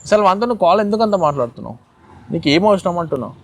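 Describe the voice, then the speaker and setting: A man's voice: high-pitched, animated, very fast. A young man acting in a love drama, pleading and insistent, repeating himself. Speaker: lead actor in a web drama. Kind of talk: acted love-drama dialogue.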